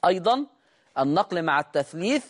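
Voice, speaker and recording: A man with an Egyptian accent teaching Quran recitation in a recorded lesson, explaining quickly and then slowly drawing out and repeating each recited word. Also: high-pitched, big pitch swings. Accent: Egyptian Arabic.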